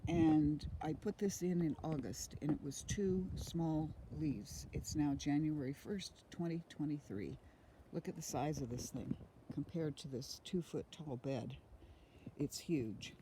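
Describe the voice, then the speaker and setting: A middle-aged woman giving a casual, unhurried walking tour of her garden outdoors in the rain, pausing often with ums. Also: deep voice, warm tone. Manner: rambling, unhurried, with frequent ums. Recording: rain noise on outdoor phone audio.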